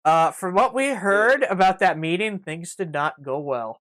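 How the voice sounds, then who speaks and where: A man's voice: sits high, lively intonation, a little slow, fairly bright tone, no echo. A man hosting a casual sports podcast, reading through news items and then riffing on them. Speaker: podcast host.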